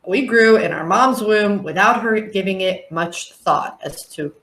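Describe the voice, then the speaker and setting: In a podcast interview, a woman who works as a life coach talks in an earnest, reflective way, occasionally imitating clients. Her voice is medium-pitched, a bit bright and a little slow, captured in an echoey room.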